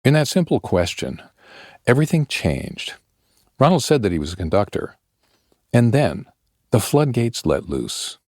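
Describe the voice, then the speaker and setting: A man narrating a podcast story in a measured, scripted storyteller's delivery. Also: medium pitch, very animated, darkish tone, dry recording, studio quality.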